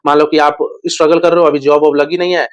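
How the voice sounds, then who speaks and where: Man, relationship advice vlogger, high voice, blunt, crude jokes, slangy casual talk. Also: flat delivery, fast talker, clean tone.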